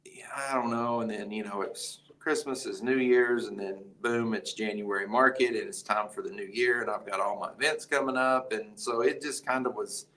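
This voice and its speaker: A man's voice: on the low side, moderate pace, hardly any pauses, a little hiss or hum, low-quality recording. A man, a rodeo event producer, telling a story in an interview and acting out the conversations he quotes. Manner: animated, acts out quoted conversations.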